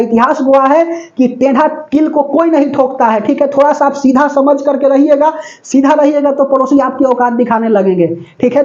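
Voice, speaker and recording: High-voiced male teacher dictating notes. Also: a little mellow. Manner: repetitive and emphatic, keeps checking understanding; spells words out letter by letter. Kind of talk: classroom lecture with dictation. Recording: dull lo-fi classroom recording.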